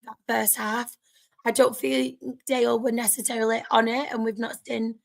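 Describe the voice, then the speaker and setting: A woman's voice: fairly high pitch, little pitch movement, normal speed, gravelly. A woman with a sore, strained throat, chatting casually to viewers as host of a football fan livestream.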